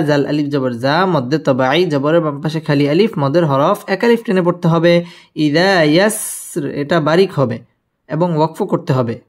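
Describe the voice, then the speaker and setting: A man teaching Quran recitation with tajweed, spelling out each verse and then chanting it slowly and melodically between brisk explanations. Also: on the high side. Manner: slow drawn-out melodic recitation alternating with quick spoken explanations.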